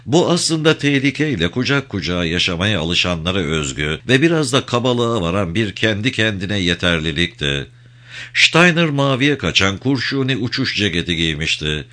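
A man narrating an audiobook with an expressive reading. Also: fairly low pitch, normal speed.

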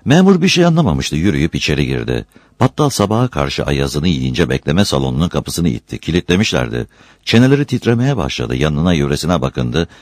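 A man's voice: a bass voice, big pitch swings, brisk, no room sound. A man narrating a novel chapter as an audiobook, telling the story expressively.

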